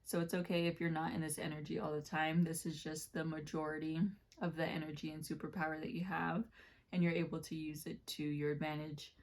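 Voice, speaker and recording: A woman's voice: low-pitched, monotone, a little fast. A woman with a slightly scratchy voice giving a casual tarot reading, rambling and correcting herself as she goes. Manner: rambling, warm-hearted, many fillers and self-corrections. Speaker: tarot reader.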